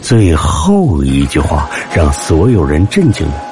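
Low-voiced guy reading a creepy story, lots of swing in the voice, soft music under it. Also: a little slow. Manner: dramatic, animated telling. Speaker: narrator. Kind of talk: scripted suspense storytelling.

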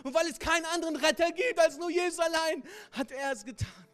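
A man's voice: very high voice, brisk, fairly bright tone, voice pushed up. A man voicing a suffering, steadfast savior, speaking in a raised, fervent way. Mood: fervent resolve.

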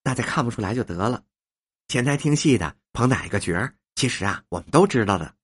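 A man voicing a reserved young male opera performer in a storybook reading, soft and husky. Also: medium pitch, lively intonation, fast talker.

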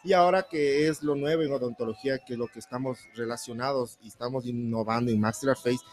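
A man from Ecuador with a highland accent, explaining his dental services as a folksy interview guest. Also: fairly even intonation, fast talker. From Baños, Ecuador. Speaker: dentist guest.

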